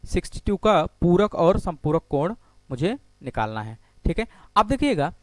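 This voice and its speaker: A man's voice: high voice, big pitch swings, moderate pace, darkish tone, dry recording. A man teaching a maths lecture for exam preparation. He asks questions and answers them himself, and he says "ठीक है" again and again. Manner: repeats "ठीक है" often while explaining on a board. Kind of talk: exam-prep geometry lecture.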